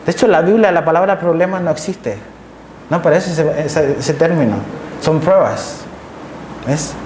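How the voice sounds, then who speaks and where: A male pastor delivers an emphatic sermon to a live congregation in a church hall, repeating key phrases and checking in with his listeners. His voice sits a little high with a darkish tone at a normal speed. The echoey hall carries faint ambience, and there's a slight hiss or hum.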